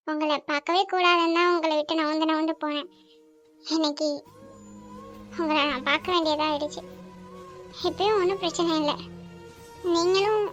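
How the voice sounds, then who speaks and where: A woman voicing a lively young woman in a cartoon who has turned quiet and apologetic, speaking softly and earnestly. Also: very high voice. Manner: soft, earnest, self-blaming. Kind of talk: cartoon voice acting. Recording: dull lo-fi audio with music bed.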